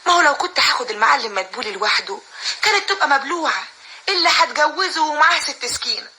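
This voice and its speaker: A woman's voice: high voice, animated, quick pace, bright, forceful tone, slight background noise, exaggerated voice, rough recording. An actress playing a timid young orphan woman with an Egyptian accent, hesitant and pleading. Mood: wary. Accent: Egyptian Arabic.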